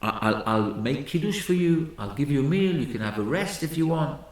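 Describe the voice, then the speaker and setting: A man speaking as a kindly elderly rabbi in a soft, low, calm voice. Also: brisk, natural voice. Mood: gentle. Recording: very echoey room.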